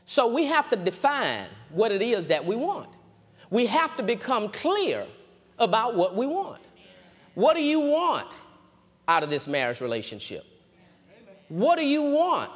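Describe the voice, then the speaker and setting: A male pastor preaches with a high, very lively voice, hammering home his points by saying them again and again. His sermon rings with the long reverb of a large hall. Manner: preacherly, repeats phrases for emphasis.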